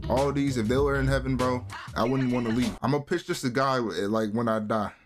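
A man's voice: medium pitch, fairly quick. A man hosting a let's play, talking casually in a rambling, slangy way. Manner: rambling, slangy, keeps saying "bro". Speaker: gaming channel host. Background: game music.

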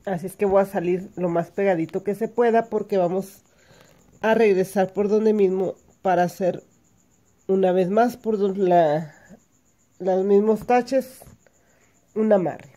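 A woman's voice: mid-range voice, unhurried, long pauses, warm tone. A woman giving a patient step-by-step hand embroidery lesson, explaining each stitch as she works. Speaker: embroidery teacher.

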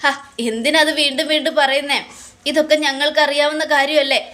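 A woman voicing a blunt young sister who briskly scolds her father. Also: sits high, level tone, fairly bright tone, voice pushed up. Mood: reproachful.

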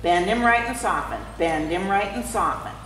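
Recorded from a distance in a big indoor riding arena, this woman has a mid-range, fairly bright voice and a moderate pace. She's a horse riding instructor coaching a rider in real time, with brief commands she frequently repeats. Heavy reverb fills the hall, along with faint background noise.

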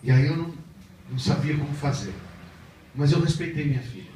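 A man's voice: fairly high pitch, a little fast, slight background noise. Brazilian guy preaching, heartfelt story, really echoey chapel, mic far off. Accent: Brazilian Portuguese. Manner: heartfelt storytelling, rising to animated emphasis. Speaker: missionary preacher. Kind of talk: sermon with personal testimony.

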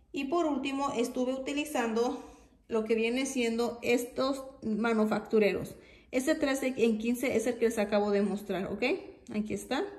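A woman's voice: fairly high pitch, a little mellow, reverberant. A woman vlogger chatting casually as she goes over store deals and coupons, listing prices step by step. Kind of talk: casual haul walkthrough.

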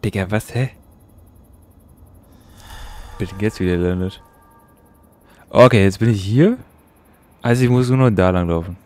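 A man's voice: fairly low pitch, measured pace, pauses often, a little mellow. A young man giving casual, slangy let's-play commentary and swearing at the game. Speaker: gaming YouTuber.

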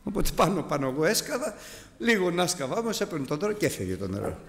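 Male preacher, animated sermon delivery with big pitch swings, recorded in a reverberant church hall. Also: vocal fry. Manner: animated, rising to high exclamations and dropping low for storytelling.

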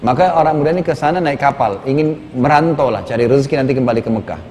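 A male preacher telling a story in a sermon, lively and conversational, with casual asides to his listeners. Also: mid-range voice, fast. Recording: reverberant hall, faint background noise.

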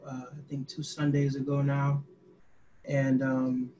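A man in his twenties, a youth activist, recounting events on a video call in a halting way with many fillers. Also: mid-range voice, completely flat delivery, dark tone, muffled recording, slight background noise. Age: 20s. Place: small indoor room. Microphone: laptop webcam mic, group on one call.

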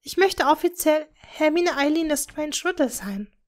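A young, earnest witch speaks eagerly to her family, voiced by a woman reading aloud. The voice is a little brighter and higher than the narration, sincere and devoted. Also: expressive, moderate pace.

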